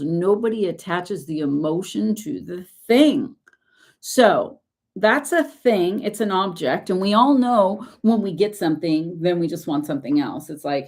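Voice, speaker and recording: A woman's voice: fairly low pitch, darkish tone. A woman success coach giving an earnest, emphatic motivational talk to camera.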